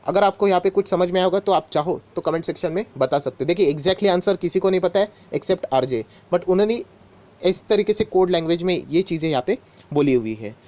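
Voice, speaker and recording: A man's voice: sits high, expressive, fairly quick. A man explaining stock market news to his viewers in a casual, conversational way. He talks to them directly as friends and keeps repeating the same filler phrases. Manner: conversational, mixes English words into Hindi, repeats filler phrases.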